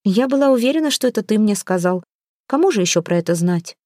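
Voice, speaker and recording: A woman's voice: medium pitch, animated, fast talker, dark tone, no room sound, studio quality, natural voice. A woman voicing an anxious, bewildered young daughter in a read-aloud story. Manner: fretful, pleading.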